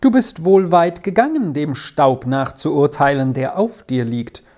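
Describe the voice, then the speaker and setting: A woman's voice: sits low, expressive, a little slow. A woman voicing a kind, talkative farm wife and mother in a storybook reading. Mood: kindly. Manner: warm-hearted, chatty.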